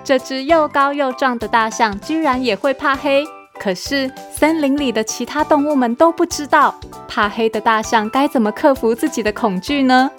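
A woman host reading a picture book aloud to children, in a gentle, coaxing manner. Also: high-pitched, moderate pace, soft background music. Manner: gentle, coaxing, addressing kids.

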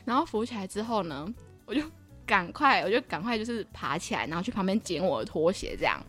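A woman's voice: mid-range voice, fast, soft background music. A young woman co-hosting a casual podcast, telling a story with lots of laughter and acted-out quoted lines. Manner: animated, laughing often, acts out quoted lines. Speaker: podcast co-host.

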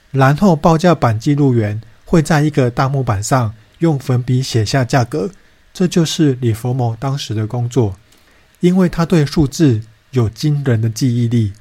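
A podcast host, a man, talks through a book in an even, mid-pitched voice. His manner is calm and earnest, and he often turns to self-reflective personal remarks. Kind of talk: book-summary podcast narration with personal asides.

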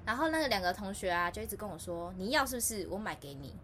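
A woman with a Taiwanese Mandarin accent, co-hosting a podcast in casual chat, telling animated stories and acting out quotes. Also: medium pitch, quick pace, slight background noise. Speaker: podcast co-host.

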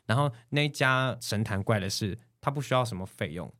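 A podcast guest with a Taiwanese Mandarin accent and a slightly low voice tells stories quickly in a casual chat. He's animated and slips into the voices of the people he quotes. The recording is close and dry, with no echo.

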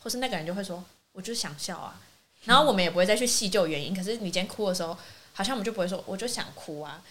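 A woman co-hosting a casual podcast chat, telling a lively story and acting out what her friends said. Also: mid-range voice, very fast. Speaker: podcast co-host. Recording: faint hiss.

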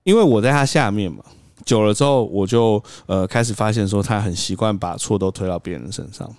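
A man's voice: on the low side, fairly quick, darkish tone, no room sound, studio quality. A young man telling a workplace story on a podcast, acting out quotes and laughing often. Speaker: podcast host. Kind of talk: casual storytelling chat.

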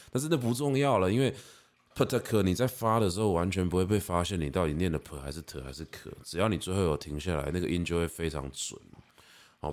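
Low-voiced Taiwanese man explaining sounds. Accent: Taiwanese Mandarin. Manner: explains patiently, demonstrating sounds slowly. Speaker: podcast host. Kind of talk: casual explanatory monologue.

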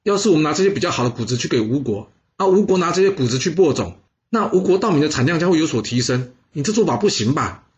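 A man's voice: fairly high pitch, lively intonation, fast, dull audio, voice pushed up, natural voice. A man voicing a wary, calculating vassal king in a storytelling recording, talking in a doubtful, questioning way.

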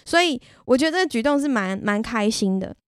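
A woman with a Taiwanese Mandarin accent speaks fairly high, animated and brisk, her tone clear and resonant. She hosts a podcast and tells a casual personal story in a candid, self-deprecating, chatty manner. The clean studio sound has no room sound.

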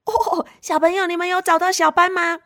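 A woman reading a picture book aloud to children in an animated, playful way, asking them questions and making sound effects. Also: extremely high pitch, fairly quick. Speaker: children's storyteller.

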